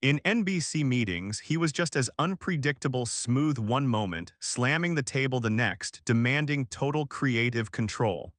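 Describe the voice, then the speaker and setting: A man reading a scripted documentary narration in a measured, dramatic storytelling manner. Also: mid-range voice, expressive, a bit bright, dry recording, studio quality.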